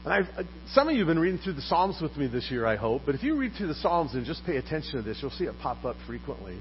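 A man preaching a sermon as pastor, putting questions to his congregation in a lively manner. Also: fairly high pitch, fast, faint music behind. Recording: dull recording with faint mains hum.

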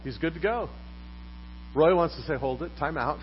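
Lively pastor, muffled hum. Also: male voice, on the high side, moderate pace. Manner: lively, poses questions to the congregation. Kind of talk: sermon. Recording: dull recording with faint mains hum.

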